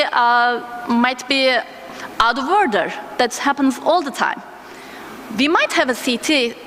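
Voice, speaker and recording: A woman giving a conference lecture as a physician, her voice thick and strained from a sore throat, speaking hesitantly with deliberate pauses. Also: fairly high pitch, fairly bright tone. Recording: echoey hall with noticeable background noise.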